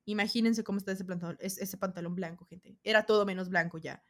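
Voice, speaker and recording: Speaking fast in a medium pitch, a young Mexican-accented vlogger runs through a laid-back storytime. Her delivery is lively and slangy, and she performs the quotes of the people involved.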